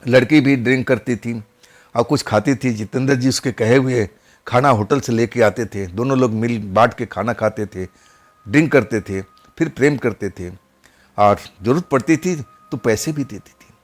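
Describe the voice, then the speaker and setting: A man's voice: medium pitch, moderate pace. A man narrating a horror story in a casual, conversational way, often repeating his phrases.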